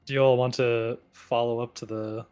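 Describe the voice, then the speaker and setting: Game master narrating over soft music. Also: medium pitch, little pitch movement, normal speed, clean tone.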